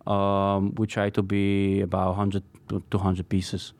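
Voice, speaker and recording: Halting Polish-accented man, low voice. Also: monotone, a little mellow, dry recording. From Poland. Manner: hesitant, halting, many ums. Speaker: knife maker guest. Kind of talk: studio interview.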